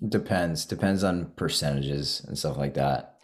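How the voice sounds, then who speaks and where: A man's voice: rumbling low, a little slow. A young man hosting a podcast, chatting casually, swearing freely and peppering his talk with "like.". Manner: laid-back, swears a lot, fills talk with "like". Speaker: podcast host. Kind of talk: casual chat.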